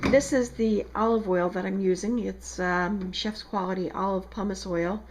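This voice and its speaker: A woman with a South Jersey accent makes soap in her second-floor home kitchen, chatting casually through a tutorial with frequent ums as she demonstrates a recipe. Her voice is mid-range with fairly even intonation and a normal speed, and the background is noisy.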